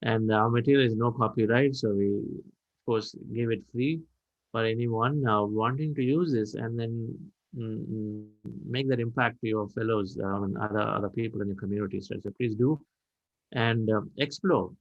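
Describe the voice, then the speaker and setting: A man's voice: lowish voice, normal speed, muffled recording. Encouraging man hosting meditation. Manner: reflective, encouraging, loose and repetitive phrasing. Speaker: meditation session host. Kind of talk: spiritual talk and hosting.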